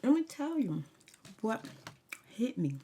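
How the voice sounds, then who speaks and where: A woman's voice: on the high side, big pitch swings, takes it slowly, mellow, slight background noise. A woman ASMR vlogger rambling through a casual story time, talking candidly and emphatically with slangy asides and advice.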